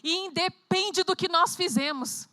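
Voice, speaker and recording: A woman's voice: very high voice, unhurried, sharp tone. A Brazilian woman preaching a sermon at a conference, telling the story dramatically and acting out the scenes. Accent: Brazilian Portuguese. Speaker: conference speaker. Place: conference hall.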